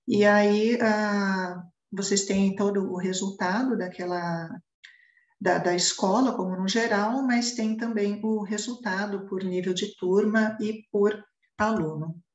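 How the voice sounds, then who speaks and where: A woman from Brazil talks through a teacher-training presentation at a medium pitch. She speaks in a loose, explanatory way, with frequent fillers and restarts and a habitual tag question. The room around her is noticeably echoey. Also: fairly even intonation, slow, dull audio. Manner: many fillers and restarts, repeated "né?". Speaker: education trainer.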